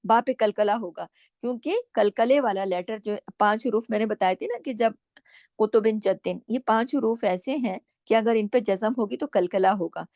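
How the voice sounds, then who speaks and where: Woman, recitation teacher, patient step-by-step explaining, slow drawn-out recitation, dry close sound. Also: on the high side, darkish tone, no room sound, muffled recording. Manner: patient, explains each rule step by step with repeated questions and answers. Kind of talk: Tajweed lesson, explaining and reciting slowly.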